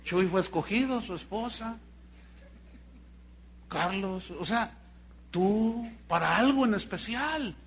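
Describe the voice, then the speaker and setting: Lively high-voiced Mexican preacher. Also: male voice, slow pace, long pauses, slight background noise. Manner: animated storytelling with joking asides to the congregation. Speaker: pastor. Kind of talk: sermon.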